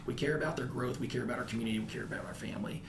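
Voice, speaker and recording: Speaking at a racing pace in a mid-range voice, an American man in his thirties discusses his work as a school principal on a podcast. He's reflective and keeps rephrasing himself. There's echo in the room and a little background noise.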